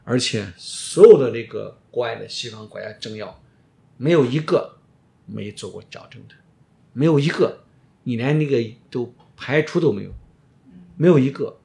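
A man's voice: mid-range voice, lively intonation, moderate pace, vocal fry, mellow. A middle-aged man, an orthodontist being interviewed, explaining casually and emphatically, often repeating his phrases. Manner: emphatic, repeats phrases, drops in English words.

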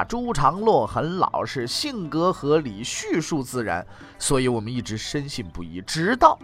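Wry animated male storyteller. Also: medium pitch. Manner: wry, mocking asides with playful tags. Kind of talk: traditional comic storytelling.

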